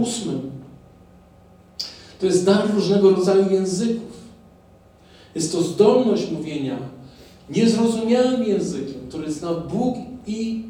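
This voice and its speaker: A man's voice: high-pitched, warm tone. A man preaching a sermon to his congregation, putting rhetorical questions to them and drawing their responses. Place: church hall. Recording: very echoey, from far off.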